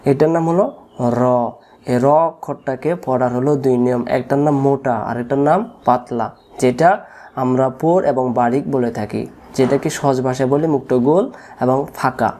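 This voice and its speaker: A man with a Bangladeshi Bengali accent teaching Quran recitation, slowly repeating each letter sound for learners to copy. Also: mid-range voice, steady tone, dark tone. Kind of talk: tajweed lesson.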